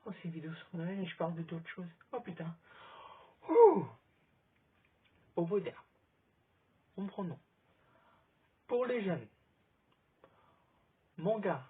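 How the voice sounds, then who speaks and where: Guy chatting away on his phone outside, kinda husky, sounds thin like a phone line. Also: sits high, unhurried, pauses often. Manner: rambling, chatty recommendations. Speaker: vlogger. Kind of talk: casual chat to camera. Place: outdoors in sunlight. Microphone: phone camera.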